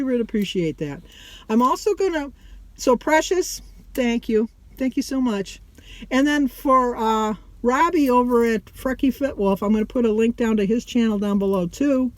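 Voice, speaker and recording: A woman's voice: fairly high pitch, a little mellow, no echo. A middle-aged or older woman vlogger chatting casually to her viewers, rambling and often breaking off mid-sentence.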